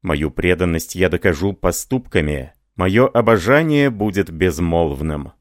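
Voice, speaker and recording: A man's voice: low voice, expressive, a little slow, no echo, studio quality. A man playing an ardent, devoted young French lieutenant who speaks fervently and pleadingly.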